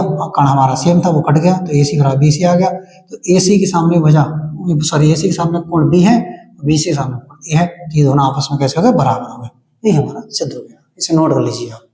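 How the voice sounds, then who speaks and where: A man's voice: fairly high pitch, warm tone, echoey room. A man teaching a maths lesson step by step, often asking a question and then answering it himself. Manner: explains step by step, asks and answers his own questions.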